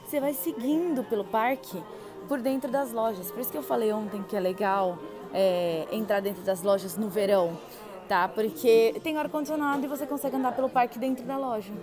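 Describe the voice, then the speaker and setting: A young Brazilian travel vlogger walks her viewers through indoor gift shops at a theme park, chatting and gushing casually. Her voice is fairly high and fairly quick, with music in the background.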